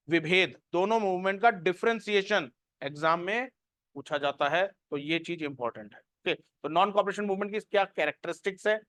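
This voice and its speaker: A man teaching a coaching class, mixing Hindi with Indian-accented English and slowly repeating notes for dictation. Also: sits high, a bit bright, dry recording. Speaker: history teacher for civil service exam coaching.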